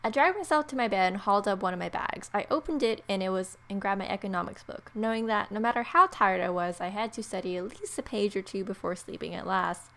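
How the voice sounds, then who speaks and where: A wry, playful woman, a gamer and video host, reads a visual novel aloud for a let's play, tossing in casual asides. Her mid-range voice moves quickly with hardly any pauses, and her reading is expressive.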